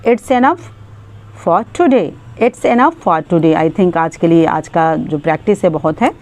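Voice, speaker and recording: Woman English tutor, slow and careful, expressive melodic delivery. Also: fairly low pitch. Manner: slow, deliberate repetition of example sentences. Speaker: English teacher. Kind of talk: bilingual spoken English lesson.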